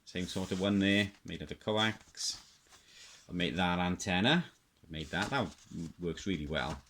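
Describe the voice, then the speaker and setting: Deep and expressive, the man's slightly bright voice keeps a measured pace, with a little background noise behind it. A middle-aged radio hobbyist from South Wales, he presents a casual show-and-tell, hesitating and rambling through his memories.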